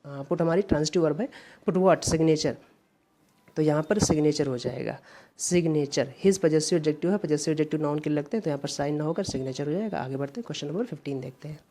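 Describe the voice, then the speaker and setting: A woman's voice: sits low, a little fast, mellow. A woman from India explaining English grammar step by step in an exam-prep lesson, repeating key words. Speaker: English teacher.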